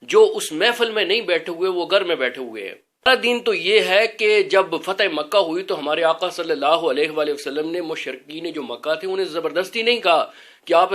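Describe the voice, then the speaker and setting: A male educator gives an informal religious talk, explaining things in an earnest, measured manner. His voice is a little high and somewhat bright.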